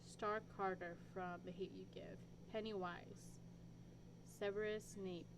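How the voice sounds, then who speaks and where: A woman co-hosts a podcast with a dry, offhand manner, reading quiz questions aloud in an easy chatting tone. Her pitch sits in the middle. A clear, steady hiss runs under her home recording. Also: measured pace. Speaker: podcast co-host. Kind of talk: casual chat.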